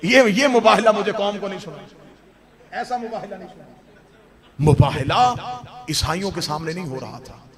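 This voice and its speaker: A man giving a religious sermon to a gathering, moving from quiet recitation to loud, impassioned, near-sung peaks. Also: high voice, normal speed, long pauses. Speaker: Shia cleric giving a majlis. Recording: crowd audible behind the voice. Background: crowd reacting, cheering.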